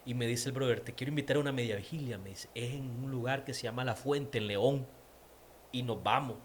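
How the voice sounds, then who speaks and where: A man's voice: medium pitch, a little fast, a little hiss or hum. A man with a Nicaraguan accent, an interview guest giving a personal faith testimony, repeating words for emphasis. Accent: Nicaraguan Spanish.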